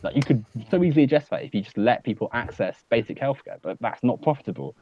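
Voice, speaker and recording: A man's voice: mid-range voice, expressive, fast, slight background noise. A man in a casual online hangout, talking earnestly and at length with many fillers. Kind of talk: casual political discussion. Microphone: home computer mic on a video call. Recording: dull lo-fi audio.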